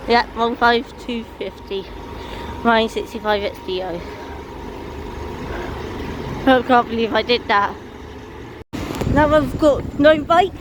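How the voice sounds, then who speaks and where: High-pitched woman filming buses on her phone, slow and eager, loud street noise behind. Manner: excitable, rattles off fleet numbers and plates. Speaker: transport enthusiast vlogger. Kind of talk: casual spotting commentary. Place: outdoors by streets and bus stops. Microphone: handheld phone. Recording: noisy outdoor phone recording. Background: traffic and street noise.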